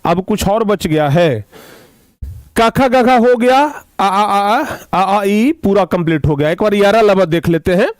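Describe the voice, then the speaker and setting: A man with a high voice teaches children a grammar lesson, going over each key term again and again. The sound is dry and close, with no room echo. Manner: repeats key terms slowly, calls pupils "dear children".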